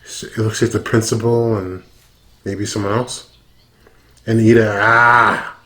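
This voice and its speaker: A drunk man talks through his reactions in a lowish voice. He takes his time, speaking slowly and loosely with plenty of slang and cursing, like a casual online reaction host. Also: little pitch movement, pushed and bright. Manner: heavy swearing and slang.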